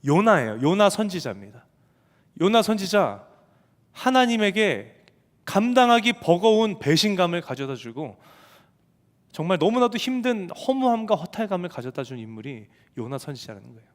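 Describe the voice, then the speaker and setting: A man preaching in a church, telling a personal story in an animated way and putting questions to the congregation. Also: sits high, moderate pace. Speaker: pastor of a young adults ministry. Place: church sanctuary. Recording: reverberant church hall.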